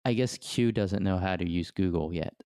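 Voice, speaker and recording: A man's voice: low voice, moderate pace, mellow, smooth, dry recording, clean studio sound. A man co-hosting a casual podcast, dropping in short, wry remarks. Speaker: podcast co-host.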